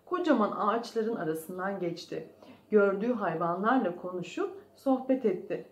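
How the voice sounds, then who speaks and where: A preschool teacher reading a storybook aloud to young children, gently asking them questions, recorded in an echoey room. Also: female voice, mid-range voice, lively intonation, moderate pace.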